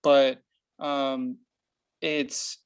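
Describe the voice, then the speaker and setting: A man who is an artist, speaking thoughtfully in a casual group discussion, halting with frequent ums. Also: medium pitch, level tone, clear, resonant tone, no room sound, rough recording. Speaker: artist guest.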